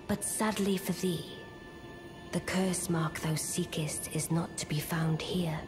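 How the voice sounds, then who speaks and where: Ranni, a low, imperious witch. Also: fairly even intonation, slow, over music. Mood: wry, cold confession. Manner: cool, composed, regal, archaic phrasing. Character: aloof, imperious, enigmatic witch. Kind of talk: archaic fantasy game dialogue.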